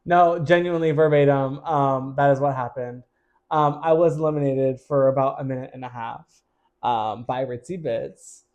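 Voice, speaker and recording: A man's voice: mid-range voice, moderate pace, darkish tone, highs cut off. A man co-hosting a podcast, telling the story of a competition in a candid, wry way. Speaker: podcast co-host. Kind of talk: casual chat recounting a drag competition.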